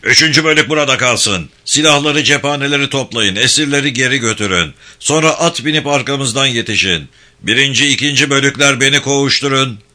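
A man voicing a mounted battalion commander who shouts orders loudly. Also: mid-range voice, fairly quick, pitched above the performer's own voice. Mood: barking. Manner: shouting, loud.

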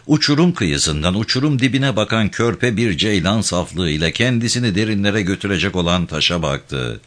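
Deep-voiced male storyteller. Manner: expressive, measured storytelling. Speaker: narrator. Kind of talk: scripted audiobook narration.

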